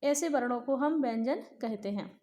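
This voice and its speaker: A woman teaching a grammar lesson to children, speaking slowly and clearly and repeating lists of sounds for her pupils. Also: sits high, mellow. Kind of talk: classroom lesson.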